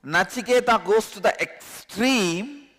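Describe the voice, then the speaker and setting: A high-pitched, slightly bright male voice with a Tamil accent moves slowly through a spiritual discourse as a teacher. He is earnest and repeats key words for emphasis, his voice reverberating at length in a large satsang hall.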